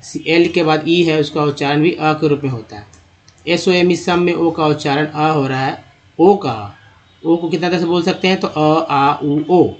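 Slightly high-voiced man teaching pronunciation. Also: fairly even intonation, muffled recording. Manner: patient, repeats and spells out words slowly. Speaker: English teacher. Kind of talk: spoken lesson on English pronunciation.

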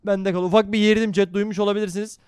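High, brash, foul-mouthed streamer guy. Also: racing, clear, resonant tone, no echo, studio quality. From Turkey. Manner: brash, profane, excitable banter with chat. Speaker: live streamer. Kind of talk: live gaming stream commentary.

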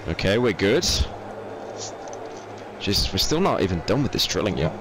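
A man's voice: sits low, big pitch swings, moderate pace, background noise. A young man streaming a game, panicking, swearing and repeating words as he plays. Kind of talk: live gameplay commentary. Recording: game music behind voice.

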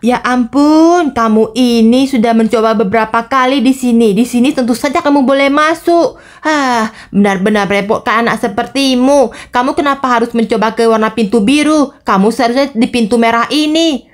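A woman's voice: a little high, normal speed, pitched below the performer's own voice, lightly acted. A woman voicing an impatient angel guarding a door, who scolds and talks in an exasperated way.

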